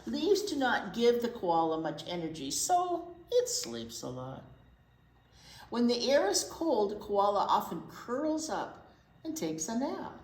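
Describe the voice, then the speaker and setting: In an echoey room with faint noise in the background, a woman reads a picture book aloud to young kids, her fairly high voice swinging widely in pitch at a measured pace. She's a librarian hosting storytime, tossing in simple explanations and chatty remarks.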